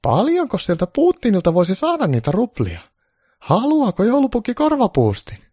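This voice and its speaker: A man voicing a sharp-tongued old grandmother in a shrill, cheeky falsetto for a comic story. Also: wildly swooping pitch, slightly rough, no echo, studio quality, heavily acted. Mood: snippy.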